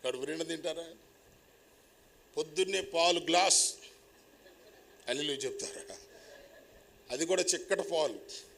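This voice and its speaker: A man preaching a sermon as pastor, swinging between loud, emphatic calls and quiet asides to the congregation. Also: fairly high pitch, unhurried, gravelly, long pauses. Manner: preaching with sudden loud rises and quiet asides, calling for applause.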